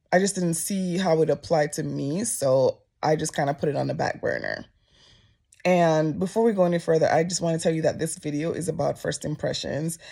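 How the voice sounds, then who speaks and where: A Jamaican woman vlogs from an office, chatting casually to camera in storytime style. Her voice is low and gravelly, and she tells her stories in an animated way, her pitch jumping up whenever she quotes someone.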